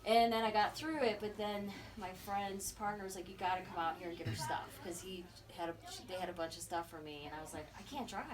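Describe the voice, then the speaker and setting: Middle-aged woman telling a lively story. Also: medium pitch, fairly quick, few pauses. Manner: animated, acts out quoted voices, laughs often. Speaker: memorial speaker. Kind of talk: personal storytelling. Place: memorial gathering. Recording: distant mic with crowd around.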